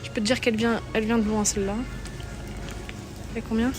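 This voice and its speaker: Woman from France, live streamer, fairly high voice, excitable chatter to her chat, phone mic, loud music behind. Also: fast. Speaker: IRL livestreamer. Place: out on town streets and in shops. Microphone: handheld phone.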